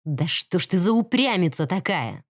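A woman's voice: on the low side, big pitch swings, moderate pace, no echo, clean studio sound. A woman reading an audiobook, voicing a cocky, pushy young man who talks with a smug drawl that turns aggressive.

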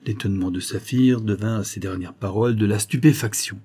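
A man reading a nineteenth-century novel aloud in measured scripted narration. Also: lowish voice, dark tone, husky. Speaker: audiobook reader.

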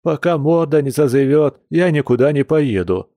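A man's voice: mid-range voice, sing-song, slow pace, no echo, voice pushed up. A man voicing a grumpy young male wolf shifter who grumbles resentfully in an audiobook. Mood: sulky.

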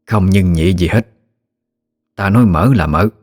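A man voicing a stern elderly grandmother who speaks slowly and calmly with firm authority. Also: sits low, no echo, studio quality. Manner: slow, calm, authoritative.

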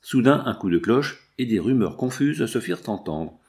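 A man narrating a classic novel in an expressive, steady reading voice. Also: medium pitch, normal speed. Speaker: audiobook reader. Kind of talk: scripted narration.

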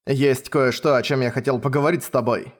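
A man's voice: mid-range voice, steady tone, brisk, lightly acted. Man doing a smug, prissy young nobleman. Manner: sneering, affected. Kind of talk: audiobook reading.

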